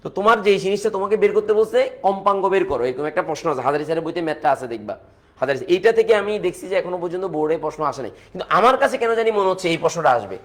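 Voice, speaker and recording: Fast-talking Bangladeshi chemistry teacher. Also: male voice, high voice, big pitch swings. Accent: Bangladeshi Bengali. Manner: repeats points, answers viewers' comments, talks through calculations step by step. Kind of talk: live online exam-prep class.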